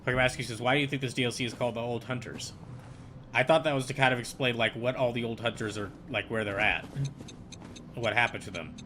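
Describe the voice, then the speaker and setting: A male streamer commenting live on a game, his voice at a middle pitch. He rambles, restarts sentences and piles up fillers as he plays. A steady hiss of noise sits under the recording. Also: fast.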